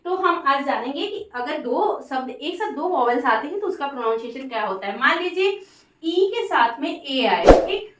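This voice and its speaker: A woman's voice: high-pitched, very animated, normal speed, reverberant, far from the mic, very noisy. A woman teaching English pronunciation in a patient lesson, spelling words out letter by letter and checking in often. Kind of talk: Hindi-language English phonics lesson.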